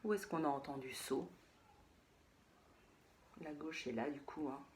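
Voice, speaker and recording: A woman teaching a phonics lesson to young children, saying words slowly and repeating them, sometimes in a whisper. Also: low voice, darkish tone, slight background noise.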